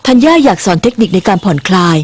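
A woman giving scripted narration for a dubbed reality show, in an even, informative manner. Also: mid-range voice, quick pace, husky.

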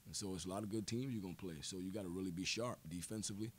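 Speaking at a table-mounted mic in a press room, a coach in his forties answers post-game questions in a low-pitched, slightly rough voice. He talks in a measured way, often using fillers and repeating words.

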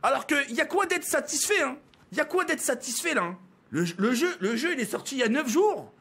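A man's voice: extremely high pitch, lively intonation, a little fast, fairly bright tone. A man from France streaming a game, ranting at his viewers with exasperation, swearing and stumbling over his words. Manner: exasperated, swearing, stammering restarts.

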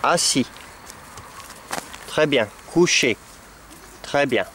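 A man, a dog breeder, coaxing and training puppies among goats with affectionate baby talk and sudden high calls. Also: animated, drawn-out words, fairly bright tone, slight background noise. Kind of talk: talking to puppies and goats while training them. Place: animal pen with goats.

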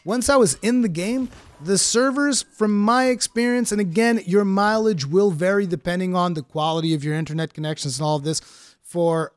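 A Portuguese man with an American-sounding English accent gives a laid-back game review as a gaming streamer. His voice sits high and the recording is studio quality with no room sound. He talks through his first impressions in a chatty way, full of fillers.

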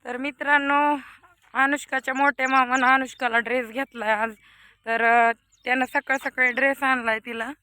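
A woman, chatting casually to her viewers as she films family life. Her voice sits a little high, and she talks to the camera and to her family in turn. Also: flat delivery, moderate pace, bright, forceful tone. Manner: chatty, talking to viewers while filming. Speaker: village vlogger. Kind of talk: casual family vlog chat.

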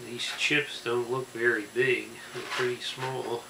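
A man in his forties giving a deadpan, deliberate food review to camera in a small room. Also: medium pitch, roomy sound, over loud music, low-quality recording. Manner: slow, deadpan, deliberate listing. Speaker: snack reviewer. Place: small room indoors with fabric backdrop. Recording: faint hiss in the room.

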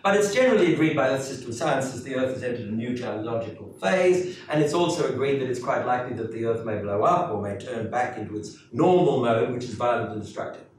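A man's voice: medium pitch, expressive, fast talker, hardly any pauses, slight background noise. An older man giving a keynote lecture at a lectern, emphatic and sardonic, making sweeping claims with rhetorical questions. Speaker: keynote speaker. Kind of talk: academic lecture. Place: lecture hall with wood paneling and small audience. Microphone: lectern microphone, recorded from a distance. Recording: echoey hall, distant mic.

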